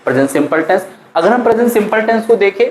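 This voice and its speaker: An Indian woman teaching English grammar to students, drilling sentence patterns slowly and often checking they follow along. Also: medium pitch, lively intonation, a little mellow, roomy sound, slight background noise, rough recording. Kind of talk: classroom grammar lesson.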